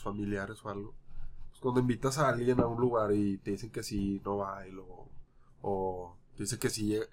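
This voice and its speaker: A man chatting casually, relaxed and slangy, swearing often. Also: lowish voice, slight background noise. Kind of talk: casual podcast chat.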